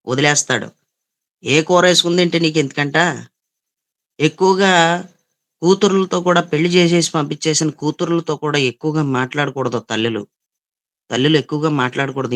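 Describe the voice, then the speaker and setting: A man's voice: fairly high pitch, a bit bright. Scolding Telugu-accented male preacher. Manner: repetitive, scolding preaching with quoted voices. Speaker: pastor. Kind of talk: sermon.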